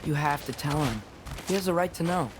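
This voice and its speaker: A man's voice: on the high side, lively intonation, a little fast, noisy background, natural voice. An actor playing a headstrong, defensive teenage boy adventurer in a video game, casual and self-assured. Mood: earnest, insistent. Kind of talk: video game dramatic acting.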